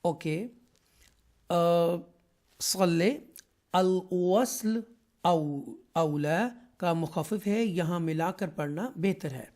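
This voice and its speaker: Male Quran teacher from Pakistan, soft dark tone, patient and careful, lots of hesitant fillers. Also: a little high. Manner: explains slowly and carefully, with many drawn-out "aa" fillers. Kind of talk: online Quran lesson.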